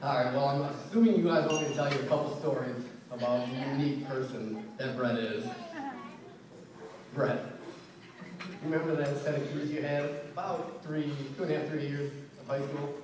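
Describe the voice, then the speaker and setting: A young man giving a best man's wedding toast, telling informal, joking anecdotes with pauses. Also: mid-range voice. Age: young adult. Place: large reverberant room at a wedding reception. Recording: echoey noisy room, distant mic.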